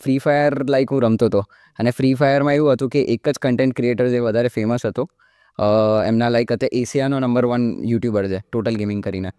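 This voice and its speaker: Speaking fast in a clear, resonant, medium-pitched voice, this early-twenties mimicry artist from India talks casually in an interview, sprinkling English fillers such as "like" into his relaxed explanations. The audio is studio quality with no room sound.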